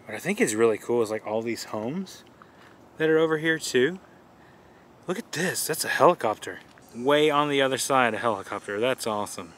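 This outdoor travel vlog features a man happily and casually describing a riverside walk as he tours it. His mid-range voice is fairly bright, with lively intonation at a moderate pace, and a little hiss or hum is audible.

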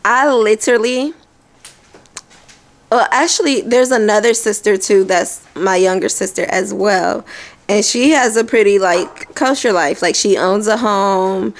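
A woman's voice: medium pitch, measured pace. A woman in her thirties hosting a family vlog at home, chatting casually and laughing as she tells stories. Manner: laughing, animated storytelling. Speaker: vlog host, mother. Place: living room at home. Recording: echoey room with some noise.

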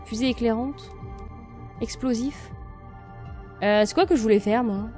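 A woman's voice: a little high, measured pace, a little mellow, soft background music. A woman casually commenting on her gameplay, thinking aloud and chatting to viewers and the game. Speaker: let's play streamer.

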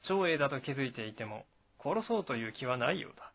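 A man's voice: medium pitch, fast. Man reading a novel aloud, lo-fi. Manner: steady, even reading with occasional slips and restarts. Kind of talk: first-sight reading of a historical novel.

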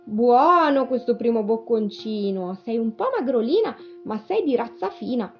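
A woman's voice: on the high side, animated, normal speed, soft background music. Woman doing a gloating greedy spider. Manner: gloating, grumbling. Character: greedy hairy male spider, acrobat. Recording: dull lo-fi radio broadcast.

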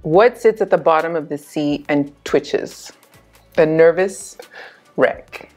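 Casual female dad-joke teller, somewhat low pitch, delivering setup and punchline. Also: slow, darkish tone, faint music behind. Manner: telling dad jokes, setup then punchline. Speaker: anesthesiologist. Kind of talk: casual joke-telling chat. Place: small indoor room, seated at table.

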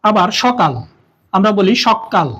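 A man explaining a grammar lesson, slowing down to repeat example words with care. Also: high-pitched, darkish tone. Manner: slow deliberate repetition of example words. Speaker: teacher. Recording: dull lo-fi audio.

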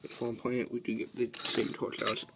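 A man giving a casual toy review, talking haltingly with many ums and restarts while he handles pieces. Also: mid-range voice, monotone, gravelly, heavy background noise.

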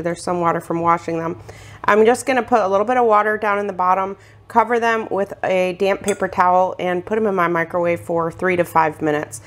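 Older lady cooking at home, talks you thru every step, chatty and relaxed. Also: mid-range voice. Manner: chatty, explains each step. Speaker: cooking vlogger. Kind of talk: casual cook-along narration. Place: home kitchen.

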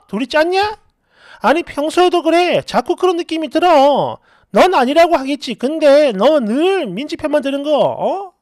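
A woman voicing a petty, resentful young female friend who talks in sharp, accusing bursts. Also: sits high, no room sound, studio quality.

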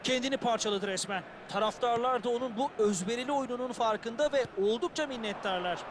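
Football game pundit: high voice, conversational and opinionated color commentary, noisy stadium bed. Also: male voice, a little fast. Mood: engaged, analytical. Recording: stadium noise behind.

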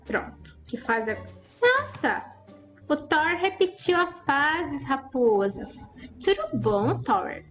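A woman's voice: high-pitched, big pitch swings, slow pace, a bit bright, highs cut off, faint music behind. A woman giving chatty, exclaiming commentary over her Roblox gameplay and talking straight to her viewers. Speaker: gaming YouTuber.

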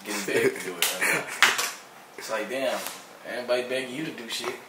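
A young man, a rapper, chatting casually in a recording studio with relaxed slang and easy laughter. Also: medium pitch, fairly quick, very noisy. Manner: laid-back slangy banter, laughs easily. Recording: roomy, distant, music playing.

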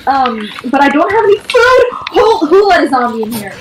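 A woman's voice: high voice, big pitch swings, normal speed, echoey room, distant mic, noisy background. A woman playing a game with friends, bossy and repetitive as she talks. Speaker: player. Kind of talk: casual gaming chat.

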